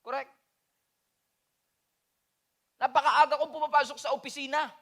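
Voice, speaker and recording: A man, a pastor preaching a sermon, swinging between loud appeals and quiet, confessional passages. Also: very high voice, steady tone, moderate pace, vocal fry.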